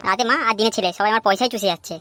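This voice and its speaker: Brief: a woman as a sleepy, cursing cartoon father, gruff and fast-talking. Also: medium pitch, fairly even intonation, bright, forceful tone, no echo, natural voice. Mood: grumpy. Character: grumpy, crude, lazy cartoon father.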